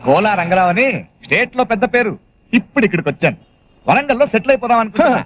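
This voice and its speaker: An actor playing a boastful middle-aged gambler who gives patronizing advice. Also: male voice, high voice, sing-song, racing, fairly bright tone, no room sound, exaggerated voice. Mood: breezy. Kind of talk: film dialogue.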